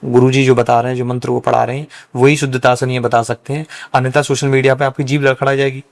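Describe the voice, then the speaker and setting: Fast-talking young man with gravelly voice. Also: mid-range voice, level tone. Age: young adult. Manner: earnest, explaining at length. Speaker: guest, young Brahmin priest. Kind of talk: casual podcast conversation.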